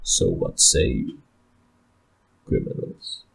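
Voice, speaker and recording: A man voicing an imperious, brooding jarl in a tabletop game, speaking slowly and haltingly with menace. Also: close to an everyday voice. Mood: contemptuous.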